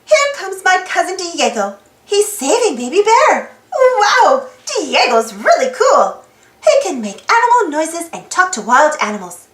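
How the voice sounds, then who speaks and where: Reading aloud to children, the channel host exclaims and poses questions to her young listeners. Her very high-pitched voice swoops wildly, her tone is fairly bright, she takes her time, and the sound is roomy.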